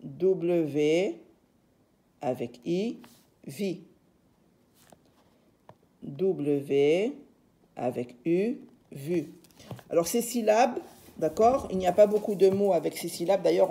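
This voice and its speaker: A woman's voice: lowish voice, slow pace, pauses often, warm tone. A woman teacher giving a reading lesson, patiently sounding out letters and syllables one by one.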